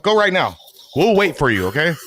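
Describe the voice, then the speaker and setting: A man's voice: a little high, big pitch swings, fast talker, fairly bright tone. A man co-hosting a casual livestream panel, talking in a rambling, upbeat way full of swearing. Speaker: stream co-host.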